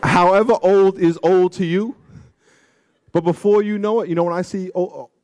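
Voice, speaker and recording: A man of forty preaching a sermon, reading scripture and telling stories in a loose, slangy way, swinging from loud peaks to low asides. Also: fairly even intonation, moderate pace. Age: 40s. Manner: slangy, storytelling. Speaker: pastor.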